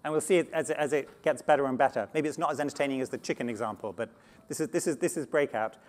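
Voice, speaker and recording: A man giving a conference talk on slides, animated and often restarting words, speaking to a live audience. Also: medium pitch, fast. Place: conference stage before an audience.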